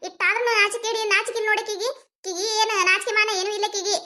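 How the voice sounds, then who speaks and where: A very high, piercing voice from a loud village wife in a cartoon comedy, as a woman voices her. She speaks with a North Karnataka Kannada accent and keeps scolding, mocking and wailing. The tone stays shrill and quarrelsome throughout. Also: steady tone, quick pace.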